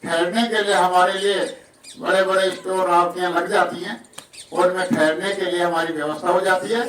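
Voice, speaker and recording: High-voiced village preacher, distant and echoey. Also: male voice, fairly even intonation, moderate pace, fairly bright tone. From Rajasthan. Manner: folksy, acts out villagers' voices, humble. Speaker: satsang preacher. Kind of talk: village sermon and announcements. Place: outdoor village gathering. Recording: echoey, distant, outdoor noise.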